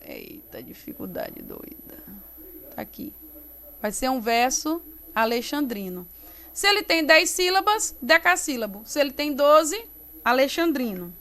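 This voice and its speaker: A woman teacher with a Brazilian Portuguese accent, giving a recorded online lesson into a computer mic. Her voice sits high and she talks slowly, sounding out syllables one at a time. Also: sing-song, fairly bright tone. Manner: slow, explains step by step, syllabifies words aloud. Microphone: computer mic while writing with mouse.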